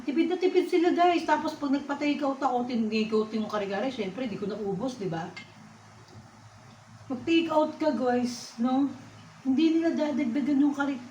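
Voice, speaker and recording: A woman's voice: high-pitched, mellow, a little hiss or hum. Chatty woman vlogging over a meal. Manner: chatty, keeps calling out to viewers; talks while eating. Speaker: food vlogger. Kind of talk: casual eating vlog chat. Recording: echoey, slightly dull recording.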